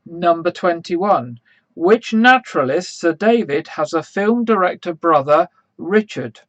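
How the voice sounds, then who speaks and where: A man hosts a quiz, working through the questions one by one at an unhurried, deliberate pace. His voice sits a little high for a man, and the sound is dry and close. He stops to spell out awkward names letter by letter. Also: animated, dry recording, lo-fi sound. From England. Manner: slow, measured, spells out names. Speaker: quiz host. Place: church, live stream.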